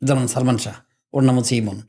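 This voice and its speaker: A man's voice: mid-range voice, fairly even intonation, fast talker, creaky, warm tone. A man hosting a podcast in casual conversation. He hesitates and circles around his point as he talks. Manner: hesitant, with fillers and restarts.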